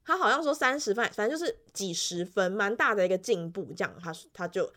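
A young woman with a Taiwanese Mandarin accent, a music teacher telling school stories in a casual vlog, animated and laughing often. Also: mid-range voice, quick pace. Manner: chatty, animated storytelling with frequent laughs and fillers. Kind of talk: casual weekly vlog storytelling.

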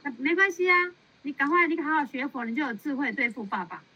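A woman nun counseling a follower in a casual, animated way, laughing often and repeating words for emphasis. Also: high-pitched, fast talker. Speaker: Buddhist nun giving counsel. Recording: muffled lo-fi sound.

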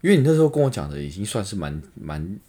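Man, podcast co-host; quick, earnest, trips over words. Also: deep voice, big pitch swings, dark tone. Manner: earnest, stumbling over words when explaining himself. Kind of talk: casual chat.

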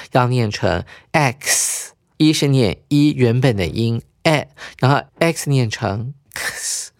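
A man's voice: medium pitch, vocal fry, no room sound. Patient male English teacher, dry sound. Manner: patient, spells words letter by letter. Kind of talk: radio-style English lesson.

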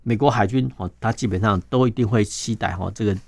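A man's voice: lowish voice, fast, vocal fry, dry recording, studio quality. A male defense journalist with a Taiwanese Mandarin accent, explaining patiently as an interview guest and peppering his sentences with little filler particles. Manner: steady, explaining step by step.

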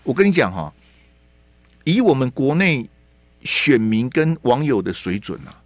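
一位带台湾口音的男电台主持人，语气激动地评论时事，常连声反问、重复字句。. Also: male voice, mid-range voice, sing-song, measured pace, no room sound. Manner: heated, rhetorical questions, repeats words. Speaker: radio talk show host. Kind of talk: opinionated political commentary. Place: radio studio.

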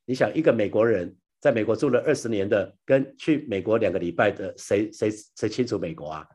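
A man giving a devotional Bible teaching, often repeating his phrases and adding soft tag particles. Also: on the low side, animated, a little fast, husky. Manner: repeats phrases, ends lines with soft 哈 and 啊 tags; addresses listeners as brothers and sisters. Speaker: pastor sharing a daily devotional.

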